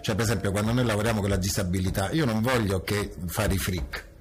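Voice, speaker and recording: A man with a fairly low voice gives candid, deliberately provocative answers in an interview. He talks casually and often stops to hunt for the right word. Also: a little hiss or hum. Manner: frank, provocative, searching for words. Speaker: photographer and creative director.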